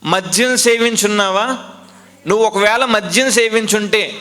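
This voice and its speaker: A man's voice: sits high, moderate pace, sharp tone, in a large hall. A man voicing an old temple priest who sternly questions a weeping woman, within a sermon retelling.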